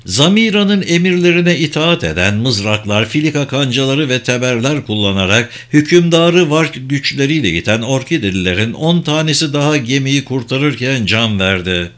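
A man's voice: mid-range voice, animated, moderate pace, hardly any pauses, a bit bright. Man reading a fantasy audiobook. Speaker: audiobook narrator. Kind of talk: scripted narration.

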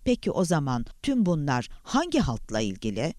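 A rattled professor, voiced by a man reading aloud, defensive and alarmed, his pitch leaping about expressively. The sound is dry and close-miked. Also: huge pitch swings, moderate pace, a little mellow, no room sound. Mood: bewildered. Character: tense, bewildered male professor. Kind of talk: audiobook character voice.

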